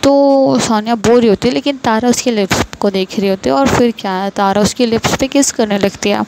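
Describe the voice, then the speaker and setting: A woman's voice: on the high side, fairly quick, noisy background. A woman narrating a romance story in a loose, casual way, with many fillers and restarts.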